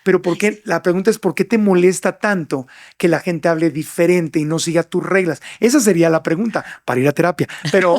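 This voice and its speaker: Man as podcast host, high-pitched, animated storyteller. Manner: animated storyteller acting out quotes. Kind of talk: casual chat.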